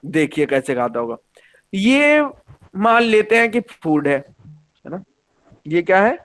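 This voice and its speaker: A man teaching an online science class, lively and often checking that the students follow. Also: sits high, takes it slowly.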